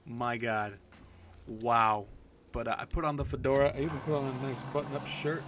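A man's voice: mid-range voice, little pitch movement, normal speed, noisy background. A man from California giving casual, crude, profane commentary while playing a video game. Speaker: gaming video host. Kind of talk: casual let's-play commentary. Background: game music.

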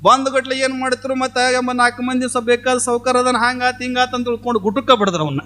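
A man's voice: very high-pitched, fast. A man, a swami telling a comic folk story and acting out the villagers' voices. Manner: animated, acts out voices of villagers.

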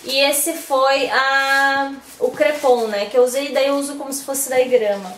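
Chatty high-voiced woman in an echoey room. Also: fairly even intonation, unhurried, fairly bright tone, a little hiss or hum. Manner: chatty, explains step by step. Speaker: vlogger. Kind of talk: casual craft vlog chat. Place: home.

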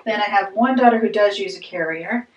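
Chatty middle-aged mom vlogging at home. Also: female voice, mid-range voice, fairly quick, noisy background. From Maine, USA. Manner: upbeat, rambling, talks while cleaning. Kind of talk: casual chatty vlog. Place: bedroom, then small bathroom.

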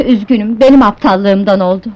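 A woman's voice: mid-range voice, brisk, lightly acted. A woman playing an earnest young warrior in a dubbed historical film, with dramatic delivery. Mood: regretful. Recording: dull old film dub, faint noise.

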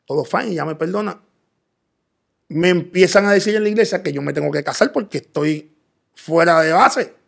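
Man, raised gravelly voice, earnest interview guest recounting his story. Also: sits high, normal speed. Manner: earnest storytelling, quoting himself in dialogue. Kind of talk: personal testimony in interview.

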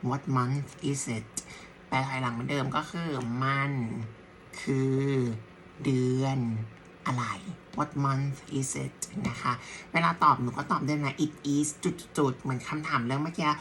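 A woman teaching a beginners' language lesson, patient and motherly, who drills each word by repeating it slowly. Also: extremely low pitch, fairly even intonation, fairly bright tone, slight background noise. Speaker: English teacher.

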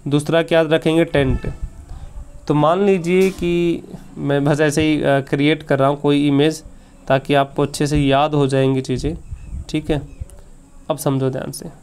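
A man teaching a vocabulary lesson in a smooth, resonant voice that sits slightly higher than most men's. He explains each word patiently and often repeats it as a question, then answers it himself. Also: a little mellow. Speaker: English teacher.

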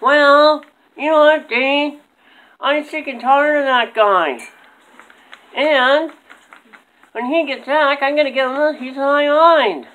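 A man voicing an excitable, indignant ventriloquist dummy in a squeaky puppet voice. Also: slow, pauses often, phone-quality sound.

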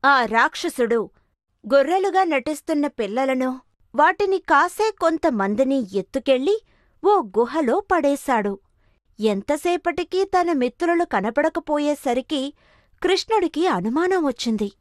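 A woman's voice: high voice, expressive, a little slow, no room sound, clean studio sound. A woman narrating a children's cartoon story with dramatic expression.

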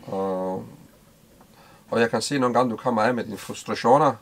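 A middle-aged man from Denmark interviewing casually in a small boat cabin, halting and repeating words. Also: medium pitch.

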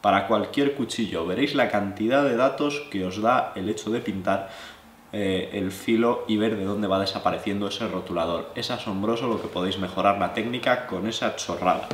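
A young man from La Mancha, Spain, with a lowish voice and Spain Spanish accent, gives a relaxed, hands-on knife-sharpening tutorial to viewers at normal speed. He explains as he goes, adding chatty asides, seated at a wooden table in a living room; the audio is reverberant with a faint background hum.

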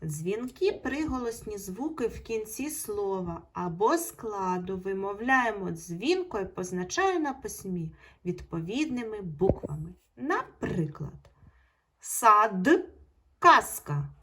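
A woman teaching a primary school video lesson, stretching out example words slowly and clearly for children. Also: medium pitch, big pitch swings. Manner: slow, drawn-out pronunciation of example words.

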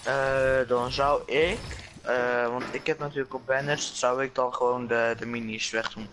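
A man chatting casually while streaming a game, relaxed and hesitant, with plenty of fillers. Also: medium pitch, a little slow. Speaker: gaming streamer. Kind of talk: casual gaming chat.

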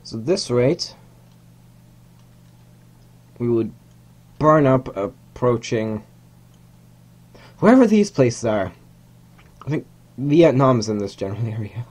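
This young man's medium-pitched, darkish voice has lively intonation, though he takes it slowly and pauses often. Whose first language is Hungarian, he casually narrates a game rocket launch from a small room at home, rambling, self-correcting and adding chuckling asides.

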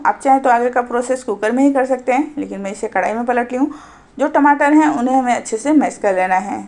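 A woman narrates a home recipe in a calm, instructive voice. She explains each step plainly as she cooks. Her voice sits a little higher than most women's. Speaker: cooking channel host.

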